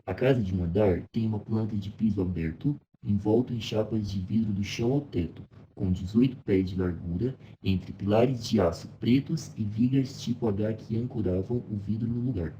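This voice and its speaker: A young Brazilian man speaking as a well-known American modernist architect, reading a scripted first-person biography in a measured, reflective way for a class project. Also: fairly low pitch, mellow, muffled recording, slight background noise, close to an everyday voice. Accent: Brazilian Portuguese. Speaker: architecture student.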